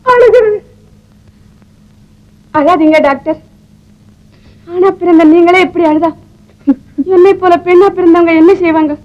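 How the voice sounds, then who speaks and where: An actress playing a gentle young woman who comforts a grieving man in a soothing, coaxing way, in 1950s film melodrama style. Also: very high voice, a little slow, pauses often. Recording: dull old 1950s film soundtrack.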